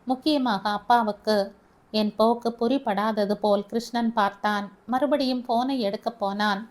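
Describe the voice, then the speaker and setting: Woman, audio novel narrator, first person, earnest, somewhat high voice. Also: fairly even intonation, normal speed. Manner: earnest, emotional storytelling.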